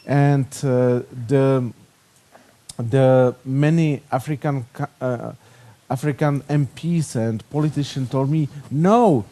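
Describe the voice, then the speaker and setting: Speaking at a conference panel, a Czech-accented man from the Czech Republic works haltingly through English that isn't his first language, with lots of fillers. His voice sits at medium pitch and sounds warm.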